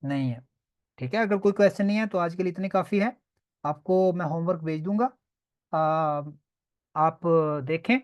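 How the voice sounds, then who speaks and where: Speaking at normal speed with long pauses, a high-voiced man teaches an online class for beginners. As a language teacher, he drills sounds with patience and keeps making sure students are following along.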